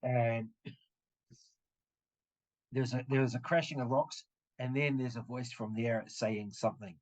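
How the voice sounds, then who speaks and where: A man running a tabletop game as dungeon master, narrating in a halting way with many restarts. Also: mid-range voice, fairly even intonation, darkish tone. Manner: halting, full of fillers and restarts. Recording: dull, muffled audio.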